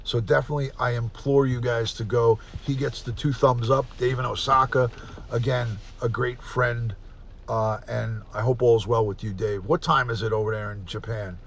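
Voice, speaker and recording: A man in his fifties with a gravelly New voice, hosting a live stream in a loose, chatty way. He runs through viewer names one by one and keeps thanking them as he signs off. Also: medium pitch, steady tone, moderate pace, dull audio, slight background noise. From United States. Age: 50s. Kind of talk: casual live stream sign-off.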